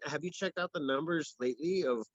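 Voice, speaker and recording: A man's voice: fairly high pitch, fairly quick, dry recording. Rambling man on a muffled phone stream. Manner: rambling, many restarts and fillers. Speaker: co-host of a local news livestream. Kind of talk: casual ad-libbed chat.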